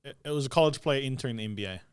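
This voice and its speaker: A man co-hosting a casual sports podcast, measured and chipping in with short counterpoints. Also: mid-range voice, smooth, no echo, studio quality. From New Zealand. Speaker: podcast co-host.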